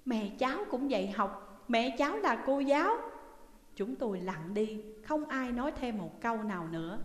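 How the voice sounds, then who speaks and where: A woman calmly narrating a first-person memoir as an audiobook reader. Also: a little high. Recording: echoey reverberant room.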